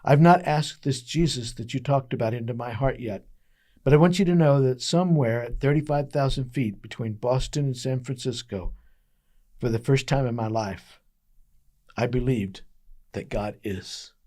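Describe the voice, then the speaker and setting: A man's voice: mid-range voice, moderate pace, a little mellow, lightly acted. A man voicing a skeptical businessman. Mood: moved. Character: skeptical middle-aged businessman.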